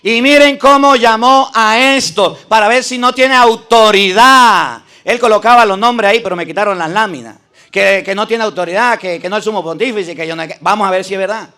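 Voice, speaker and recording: High, bright-voiced priest arguing emphatically. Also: male voice, a little fast. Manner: emphatic, addresses opponents directly; repeats and stresses scripture phrases. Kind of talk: preaching debate argument.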